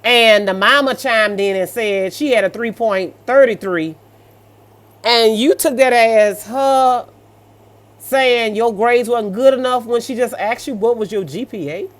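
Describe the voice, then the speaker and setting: A middle-aged woman hosts a story-reaction show, reading stories aloud and reacting in a casual, sassy, motherly, colloquial way, calling the listener "baby." Her voice sits a little high, and she keeps a measured pace.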